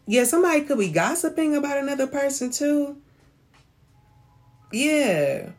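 A woman's voice: high voice, big pitch swings, normal speed, soft background music. A woman giving a casual spoken reading, chatty and loose, often checking in with "okay?" and laughing lightly. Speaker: tarot reader.

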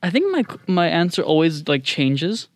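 A man's voice: on the high side, big pitch swings, moderate pace, dry recording. A young man with a standard American accent, chatting informally as an interview guest and poking a little fun at himself. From several countries across Latin America, Asia, Europe and the US. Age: young adult. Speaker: podcast guest, international student. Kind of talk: casual interview chat.

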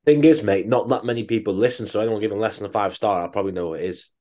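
A man's voice: on the low side, rapid-fire, darkish tone. A man co-hosting a podcast, chatting casually in a rambling, sweary, joking way. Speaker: podcast co-host.

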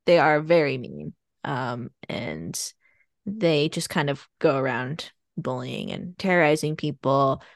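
Slow and animated, this woman's voice is extremely low-pitched as she co-hosts a podcast. Her casual plot recap wanders, full of fillers and laughter, recorded in studio quality with no echo.

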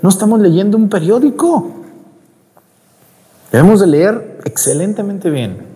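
A priest with a Mexican accent preaching a homily at Mass, talkative and scolding, firing rhetorical questions at the congregation. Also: male voice, sits high, animated, a little slow, dark tone. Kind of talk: Sunday-style homily at Mass. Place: church during Mass. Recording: long church reverb.

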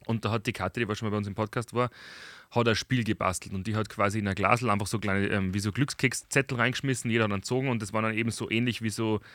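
A young man, a podcast host, chatting casually and acting out stories with lively dialogue. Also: fairly low pitch, rapid-fire, no echo. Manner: animated storyteller, acts out dialogue. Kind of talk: casual chat.

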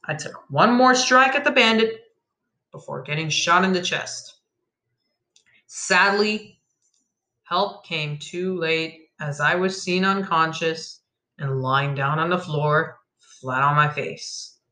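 Bright-voiced dramatic storyteller. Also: medium pitch, takes it slowly. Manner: emphatic, shifts from flat telling to loud outbursts. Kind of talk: dramatic first-person story narration.

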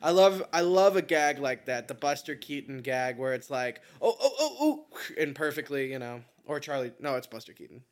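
A man's voice: mid-range voice, brisk, hardly any pauses. A man co-hosting a podcast in a casual, joking, self-mocking chat. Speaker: podcast co-host.

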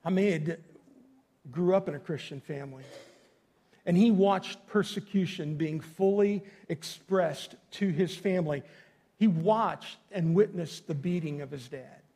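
A male pastor delivers a sermon in a high-pitched voice. He addresses his listeners directly in a folksy, emphatic way, leaning on repeated phrases to drive his point home. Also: measured pace, warm tone, breathy edge. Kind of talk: sermon to a congregation.

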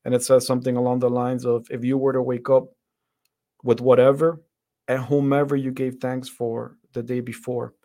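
A man's voice: medium pitch, little pitch movement, normal speed, dark tone. A man from the Dominican Republic, a guest on an interview podcast, talking in an earnest, reflective way with many restarts and fillers. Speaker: podcast guest, center director. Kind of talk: interview conversation.

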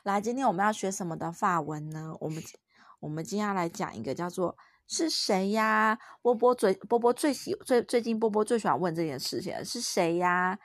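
A woman's voice: medium pitch, a little fast, no echo, clean studio sound. A young woman with a Taiwanese Mandarin accent, a mother patiently teaching her toddler French words at home, playful and encouraging. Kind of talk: home-recorded French lesson with a child.

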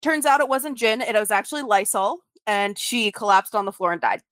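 A woman's voice: fairly high pitch, a little fast, a bit bright, no room sound. Chatty young woman telling a story. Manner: laughing, many "like" fillers, swearing. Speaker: podcast co-host. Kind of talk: casual storytelling chat.

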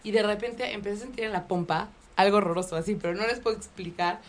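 A woman's voice: medium pitch, quick pace. A woman with a Mexican accent hosting a casual radio chat and telling stories with playful suspense. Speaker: radio host.

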